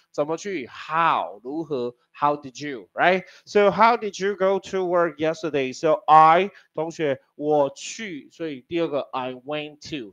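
A man teaching an English class, teasing his students and spelling words out letter by letter. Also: fairly high pitch. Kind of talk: classroom lesson. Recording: dull lo-fi classroom recording.

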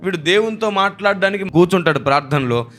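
Emphatic bright-voiced male preacher. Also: high-pitched, lively intonation, fast, faint music behind. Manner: emphatic, rhetorical questions and repeated phrases. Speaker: pastor. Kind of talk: sermon.

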